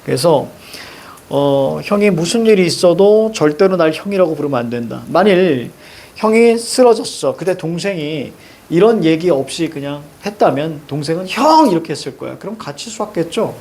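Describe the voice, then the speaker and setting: A man's voice: a little high, lively intonation, normal speed, darkish tone. A middle-aged male teacher explains a story to students, marking up the text and asking rhetorical questions. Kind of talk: literature lecture.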